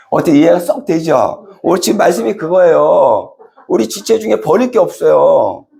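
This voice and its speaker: A middle-aged man preaches in a conversational, animated way, slipping into character voices as he tells a story. His voice sits fairly high for a man, with a gravelly rasp and wide swings in pitch. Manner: conversational, asks the congregation questions. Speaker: pastor. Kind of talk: sermon.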